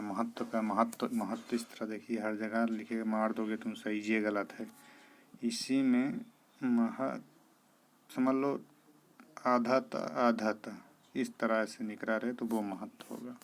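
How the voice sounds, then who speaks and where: Slow, flat-voiced male coaching teacher. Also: lowish voice. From India. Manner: drills word pairs, repeats the correct form, asks "clear?". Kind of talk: exam-prep spelling lesson. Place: coaching classroom.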